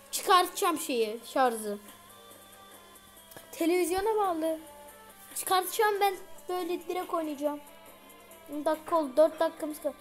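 A woman giving casual gameplay commentary as a video creator, chatty and slangy, talking straight to her viewers. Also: high voice.

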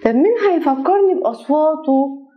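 A woman's voice: sits high, expressive, brisk, phone-quality sound. A woman with an Egyptian accent teaching kindergartners their letters, drawing out the sounds in a coaxing sing-song way. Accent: Egyptian Arabic. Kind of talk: children's phonics lesson.

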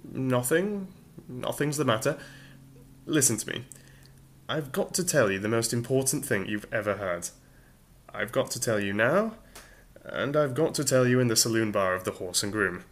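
A man's voice: medium pitch, animated, normal speed, close to an everyday voice. A man reading a storybook voices an urgent, distracted alien friend, talking in clipped, insistent lines.

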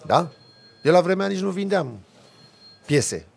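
Brief: male podcast guest, gravelly voice pitched a bit high, animated storyteller. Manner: animated, lively storytelling with sound effects. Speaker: podcast guest, off-road driver. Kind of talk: casual storytelling.

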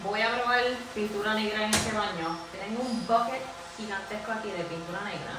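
A woman in her thirties vlogging casually, chatty and excitable, mixing Spanish and English. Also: medium pitch, brisk, rough recording. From Puerto Rico. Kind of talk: casual vlog chat. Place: indoors, restaurant under renovation and home office. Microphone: handheld camera. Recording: music under voice.

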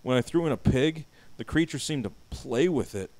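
Speaking expressively at a moderate pace in a mid-range voice, a young let's play co-host reads a diary entry from the game with exaggerated mock drama. He laughs loudly and trades jokes with his partner during the playthrough.

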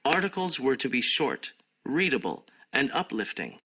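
A man reads an English exam passage in a clear, measured manner. His voice is bright, with lively rises and falls. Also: medium pitch. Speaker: exam audio reader. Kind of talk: scripted exam recording.

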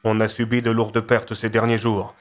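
A man's voice: on the low side, completely flat delivery, normal speed, soft background music, natural voice. A man voicing a commanding agency chief. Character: male agency chief, decisive leader.

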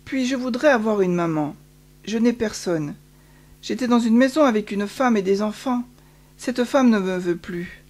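Une femme qui prête sa voix à une jeune bergère solitaire et pieuse, au ton plaintif et sincère. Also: female voice, on the high side, normal speed, darkish tone, lightly acted. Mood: plaintive. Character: lonely tearful young shepherd girl, pious and longing.

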